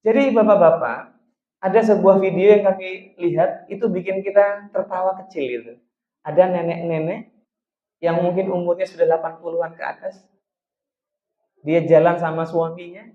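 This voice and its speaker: A man with a high voice gives a relaxed religious talk on love in marriage. He keeps turning to the crowd to address the men and women directly. The sound is roomy and echoey, with a dull, muffled tone. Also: moderate pace. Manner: chatty, addresses audience directly as sirs and ladies. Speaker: psychologist giving a marriage talk. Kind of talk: religious study talk to couples.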